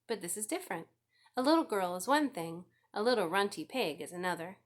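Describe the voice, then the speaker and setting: A kindly farmer father from a storybook, read by a woman. He speaks in a measured, wry way, gentle but firm. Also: medium pitch, expressive, lightly acted. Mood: gently firm.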